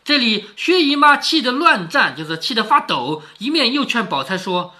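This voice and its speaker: A middle-aged man reads a classic story aloud at home, breaking off to explain it in plain talk. His pitch swings widely as he asks rhetorical questions, and his tone is bright and forward. He sounds close to the mic. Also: sing-song, moderate pace. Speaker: storyteller reading a classic novel to his daughter. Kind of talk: casual read-aloud with commentary.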